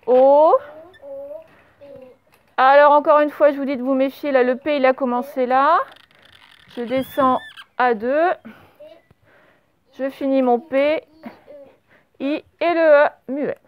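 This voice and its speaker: A high-voiced woman teacher walks young pupils through a dictation lesson, patient and slow, sounding out each letter one at a time. The recording sounds a little dull and lo-fi. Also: steady tone. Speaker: primary school teacher. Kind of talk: remote spelling and dictation lesson. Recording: slightly dull, lo-fi home recording.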